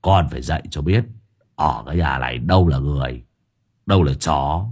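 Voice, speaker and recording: A man's voice: rumbling low, a little fast, husky, pitched below the performer's own voice, heavily acted. A man voicing a crude, grumpy young man who swears and whines when scared. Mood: gruff.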